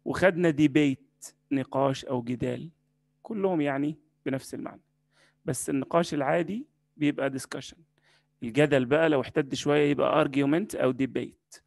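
Gravelly Egyptian man teaching English words. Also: on the high side, a little mellow, no echo. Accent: Egyptian Arabic. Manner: slow, repeating each word several times. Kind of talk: vocabulary lesson.

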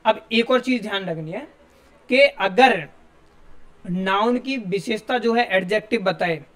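A man's voice: high-pitched, a little slow, a bit bright. A male teacher, giving a classroom grammar lesson and explaining step by step while asking his students questions.

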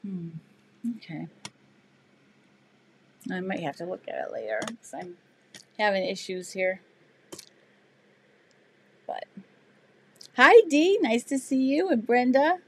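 A woman's voice: mid-range voice, big pitch swings, slow pace, long pauses, husky. Chatty woman hosting a sewing live stream. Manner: chatty, loose, many fillers and restarts. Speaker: sewing channel host. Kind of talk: live stream chat answering viewer comments.

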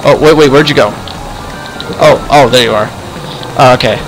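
In an improvised Minecraft roleplay, the host and player voices a friendly adventurer at medium pitch and normal speed, naturally, over music in a rough recording. He sounds curious and explanatory, with a hesitant, stammering delivery that keeps repeating itself.

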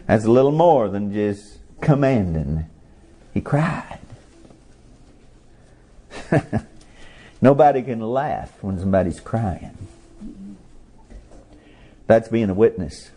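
This middle-aged preacher speaks in a lowish, husky voice with lively intonation, going slowly and leaving long pauses. His folksy sermon uses simple rural language, and now and then he shouts out the key words.

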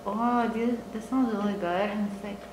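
A woman's voice: mid-range voice, moderate pace, reverberant, noisy background. A young woman vlogger chatting casually and giggling while wearing a sheet face mask. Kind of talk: casual vlog chat.

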